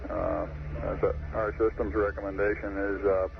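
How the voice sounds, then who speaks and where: A man's voice: on the low side, level tone, moderate pace, vocal fry. A man speaking as a mission control communicator in procedural radio talk, as if over a walkie-talkie. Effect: voice over two-way radio. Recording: noisy, narrow-band archival space radio link.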